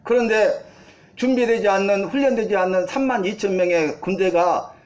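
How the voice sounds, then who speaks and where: A man's voice: high-pitched, normal speed, a little mellow. A man preaching a sermon to his congregation, asking them rhetorical questions and building to emphatic peaks. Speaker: pastor.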